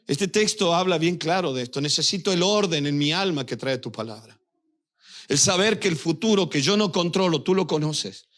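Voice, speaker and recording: A man's voice: on the high side, animated, moderate pace, fairly bright tone. A male pastor preaching a sermon, speaking directly to his church and weaving in personal anecdotes.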